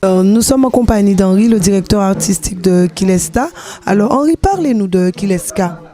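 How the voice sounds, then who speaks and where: Street interviewer, short prompts, dark mellow tone. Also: mid-range voice, lively intonation, normal speed. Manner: brief, prompting questions.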